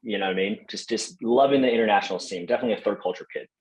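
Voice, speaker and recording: A young Taiwanese man speaks quickly in a lowish voice, and the audio quality is poor. He's a podcast guest in a casual interview, friendly and chatty, with plenty of fillers and restarts.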